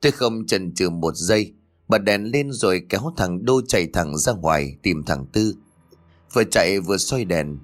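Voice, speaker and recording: A man narrating a first-person horror story in a tense, measured storytelling manner. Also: deep voice, animated.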